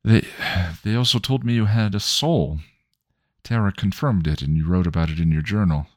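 A man voicing a young woman who is tearful and earnest, speaking softly and haltingly. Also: on the low side, pitched above the performer's own voice, natural voice. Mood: confiding.

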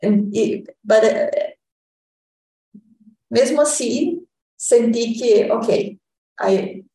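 An echoey, slightly distant recording of a woman. She speaks slowly and with a mellow tone. Her casual sharing is hesitant and drifts between languages. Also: fairly high pitch. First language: Portuguese. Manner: hesitant, slipping between Spanish, Portuguese and English. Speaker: panel participant. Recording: echoey room, distant microphone.

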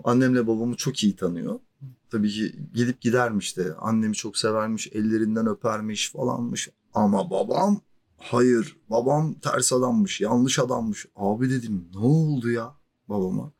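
A man's voice: fairly low pitch, normal speed, a little mellow, breathy edge. Chatty man telling a story. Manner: conversational, chuckles often, loose filler words. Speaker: podcast storyteller. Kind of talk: casual spoken storytelling.

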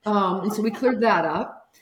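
A woman's voice: mid-range voice, measured pace, roomy sound. A woman guest on a podcast interview, telling a personal caregiving story and acting out the voices of people she quotes.

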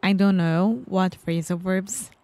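Woman speaking english, slow and unsure, lowish voice, dry sound. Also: dark tone, dry recording. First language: Portuguese. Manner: short hesitant answers, searching for words. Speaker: podcast guest, advanced English learner. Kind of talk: casual chat.

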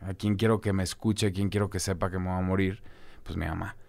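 Young Mexican male guest, low smooth voice, candid slangy storyteller. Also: level tone, fairly quick, a little mellow. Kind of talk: casual conversational interview.

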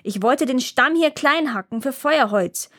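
A woman voicing a grumpy little old male dwarf in a storybook reading, snapping insults and shouting. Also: sits high, expressive, measured pace, pitched above the performer's own voice, full character voice. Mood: furious, shouting.

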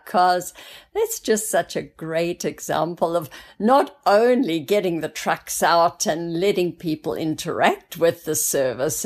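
A woman interviewer with a fairly low voice for a woman responds to her guest with enthusiastic praise. She talks in a casual, conversational way, and her low pitch colors the whole exchange. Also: a little mellow. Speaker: interviewer host.

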